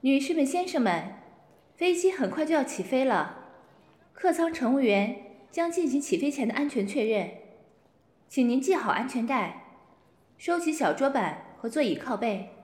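A woman playing a flight attendant, polite and formal, greeting and addressing passengers like a cabin announcement, with a breathy voice. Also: high-pitched, sing-song, normal speed, a little mellow, roomy sound, long reverb tail.

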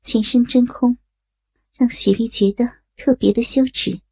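Slow, husky woman narrator. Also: a little high, steady tone, warm tone, no echo. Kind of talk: erotic audio story reading.

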